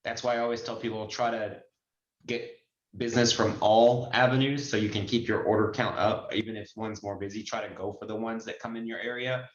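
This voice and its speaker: The recording, from a group video call, is muffled and roomy, capturing a man in his forties with a fairly low voice, steady tone, and fairly quick pace. As host and notary trainer, he coaches chattily and illustrates points with examples.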